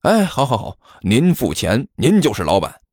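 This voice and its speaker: A man's voice: huge pitch swings, moderate pace, a little mellow, no room sound, clean studio sound. A man voicing a greedy hired thug on the phone who fawns over his paying client. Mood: fawning. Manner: ingratiating, low, eager to please.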